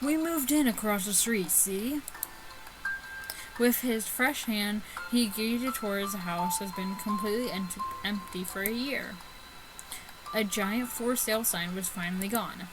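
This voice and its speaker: Over background music, a woman does sweary, casual let's play commentary as a gaming YouTuber, reading a visual novel aloud while giggling and tripping over lines. Her mid-range voice moves at a measured pace on a rough recording.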